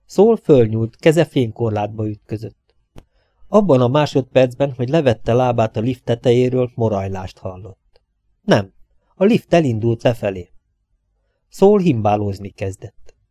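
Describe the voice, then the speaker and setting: A man reading a thriller aloud as an audiobook narrator, steady and even. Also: medium pitch, no room sound, clean studio sound. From Hungary. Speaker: audiobook reader.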